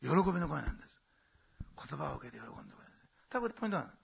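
A middle-aged male pastor preaching a sermon, swelling loud and emphatic, then dropping to quiet asides. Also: mid-range voice, wildly swooping pitch, very fast, gravelly, slightly rough.

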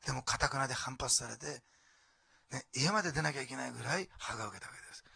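Fast, gravelly-voiced pastor preaching dramatically. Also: male voice, mid-range voice, no echo. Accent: Osaka. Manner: dramatic, swinging from hushed whispers to loud exclamations; rhetorical questions to the congregation. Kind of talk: sermon.

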